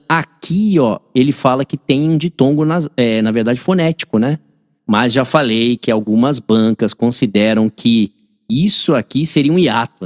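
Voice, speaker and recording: A man's voice: mid-range voice, darkish tone, no echo, studio quality, long reverb tail. A man with a Brazilian Portuguese accent, correcting a mock exam in an online class and checking in with his students constantly. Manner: chatty, asks the class constant check-in questions. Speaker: teacher.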